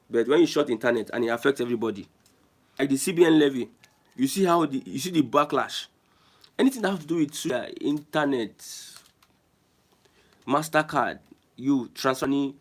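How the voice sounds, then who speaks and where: A Nigerian man hosting an online show, giving emphatic, repetitive political commentary and reading viewer comments. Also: medium pitch. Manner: emphatic, repeats phrases, restarts often.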